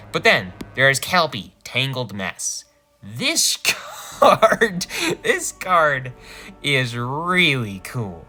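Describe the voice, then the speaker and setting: A man reviewing cards casually, animated and quick to laugh, often correcting himself as he goes. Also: mid-range voice. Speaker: card game reviewer.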